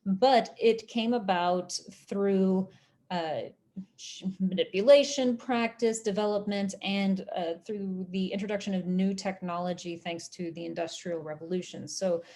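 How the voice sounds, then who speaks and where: Woman, American accent, mid-pitched voice, history lecturer, deliberate phrasing, explanatory. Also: steady tone, dark tone. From Oklahoma, United States.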